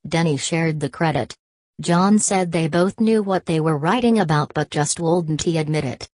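A woman giving scripted narration in a steady storytelling manner. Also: low voice, moderate pace, dry recording.

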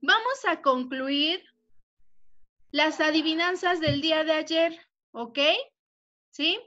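A high, bright-toned young woman teaching children over a video call. She talks slowly and patiently, spells out words and keeps asking if everyone follows. The audio is dull and lo-fi, like a computer mic. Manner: affectionate with pupils. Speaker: primary school teacher. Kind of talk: online class instruction.

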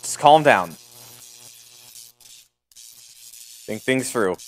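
A woman's voice: extremely low pitch, expressive, extremely slow, faint music behind, rough recording. A woman hosting a reaction video, dropping short surprised remarks and casual comments.

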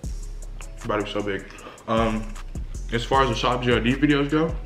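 A man's voice: mid-range voice, a little fast, a bit bright. Man in his twenties, casual mukbang chat, chewing while talking, slangy rambling, echoey living room, music behind. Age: 20s. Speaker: vlogger eating on camera. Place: large living room indoors. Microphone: camera a short distance away.

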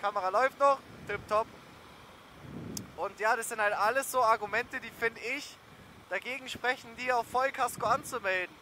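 This young male motorcycle vlogger has a very high-pitched, sharp-toned voice and speaks at normal speed. He rambles casually in slang as he rides outdoors, with engine, wind, and road noise all around.

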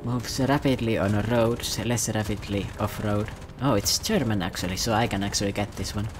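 A man's voice: on the low side, normal speed, background noise. A man giving casual, self-mocking, rambling commentary over his gameplay. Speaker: gaming commentator.

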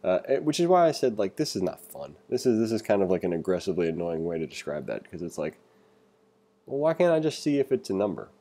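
Over a screen recording, a man with a deep voice and soft, dark tone talks fast, his pitch swinging widely. He guides viewers through a programming text, alternating read-aloud passages with conversational, opinion-filled remarks.

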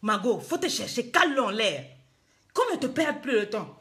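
A woman's voice: fairly high pitch, sing-song, normal speed, a bit bright. A woman life coach, scolding her viewers in a live-streamed motivational talk, emphatic and full of rhetorical questions.

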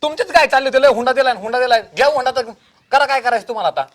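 A man's voice: very high voice, rapid-fire, fairly bright tone. A young man playing a petulant husband who bosses and whines in a comedy sketch. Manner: whiny, bossy.

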